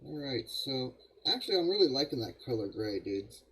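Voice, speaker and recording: A man's voice: medium pitch, big pitch swings, moderate pace, pushed and bright, a little hiss or hum, poor audio. An older man hosting a live model-building stream, rambling casually to viewers and chuckling at himself. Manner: rambling, self-deprecating, chuckles often, talks to viewers as guys.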